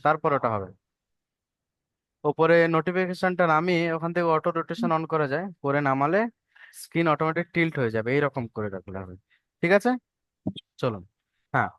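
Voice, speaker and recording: A man teaches letter forms to an online class, slow and patient, often asking whether everyone follows. His voice sits high and rings clear. The recording is close and dry. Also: fairly bright tone, dry recording. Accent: Bengali. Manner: patient, repeats and checks understanding. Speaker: Arabic script teacher.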